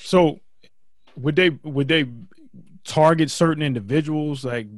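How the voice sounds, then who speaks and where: A man's voice: on the high side, unhurried, no room sound. A male co-host asking probing follow-up questions in a podcast interview.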